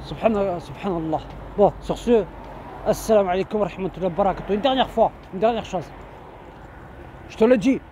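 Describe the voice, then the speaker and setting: A man lectures his listeners in a very high, strained voice. He shouts and hammers the same phrases over and over. Soft urban traffic murmurs in the background. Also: brisk, long pauses. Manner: insistent, repeats phrases over and over; shouting indignantly. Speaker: online preacher. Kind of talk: ranting religious reminder.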